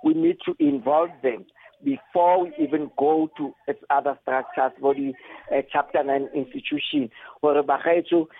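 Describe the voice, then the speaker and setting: A man with a South African Setswana accent speaking in a radio discussion, hesitant and pausing often. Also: a little high, animated, gravelly. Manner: hesitant, frequent pauses. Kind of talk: radio discussion, mixing languages. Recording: narrow phone-like line.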